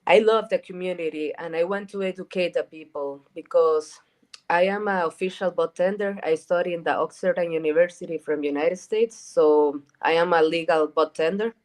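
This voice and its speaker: A woman from Rica, a guest chatting casually in an interview, talking in a halting way with repeated words and lots of fillers. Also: fairly low pitch, a little mellow. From Costa Rica. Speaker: guest, cannabis events organizer.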